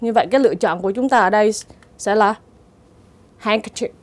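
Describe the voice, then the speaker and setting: A woman's voice: medium pitch, racing. A woman teacher going through English exam answers step by step, in a methodical way. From Vietnam. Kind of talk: exam answer walkthrough lesson.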